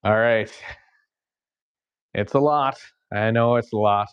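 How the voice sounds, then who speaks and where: Low-voiced man teaching a Bible study. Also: slow pace, smooth, highs cut off. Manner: reads steadily, stumbles on hard names, then explains casually. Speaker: pastor leading a Bible study. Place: church classroom.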